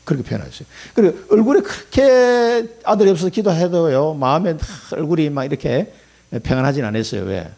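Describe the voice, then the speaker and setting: Gravelly, husky-voiced male pastor preaching. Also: fairly high pitch, animated, fairly quick. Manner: emphatic, folksy preaching with sudden loud and soft swings. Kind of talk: sermon.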